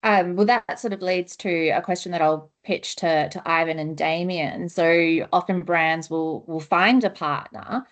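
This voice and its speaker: Woman, deep-pitched voice, panel moderator, conversational questioning. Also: unhurried, hardly any pauses. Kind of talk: moderating a discussion.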